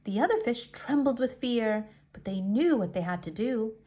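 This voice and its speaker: With a voice that's a little high, a woman reads aloud from a picture book to young children. Her delivery is expressive, with deliberate dramatic emphasis.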